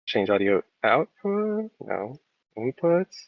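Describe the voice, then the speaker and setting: A man's voice: mid-range voice, very animated, slow, vocal fry, no echo. Man on speakerphone, muffled and dry. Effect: sounds like on speakerphone. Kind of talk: casual group chat. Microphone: phone on a voice call. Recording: dull, dry phone speaker sound.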